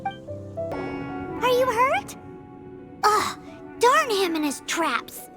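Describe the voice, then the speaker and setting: Little floating companion, piping childlike squeak, lively intonation, loyal and indignant, game cutscene. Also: female voice, extremely slow, soft background music, heavily acted. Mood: protective. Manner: blunt, emphatic, protective.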